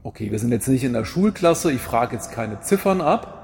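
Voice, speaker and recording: A man preaching a sermon in a lively, rhetorical manner, with wry asides and repeated refrains. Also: medium pitch, normal speed, vocal fry, a little hiss or hum.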